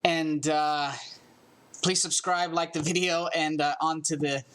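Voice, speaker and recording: A man's voice: fairly high pitch, flat delivery, unhurried, a bit bright. A man hosting an interview, talking casually with a joking, self-deprecating manner. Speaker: host.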